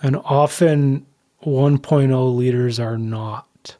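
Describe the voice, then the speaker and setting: A man co-hosting a podcast, talking in an earnest, slow and deliberate way. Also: mid-range voice, fairly even intonation, dark tone. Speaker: podcast co-host. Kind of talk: reflective podcast talk.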